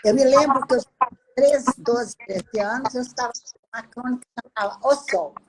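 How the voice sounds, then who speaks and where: A woman with a Brazilian Portuguese accent, telling a lively personal anecdote in a casual panel talk. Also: on the high side, moderate pace, a little hiss or hum, low-quality recording.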